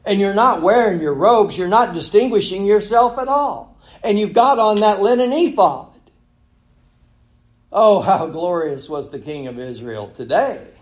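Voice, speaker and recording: A man's voice: sits high, animated, measured pace, pitched above the performer's own voice. A preacher voicing a scornful queen who mocks her husband with biting sarcasm. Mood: sarcastic. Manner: mocking, sneering sarcasm.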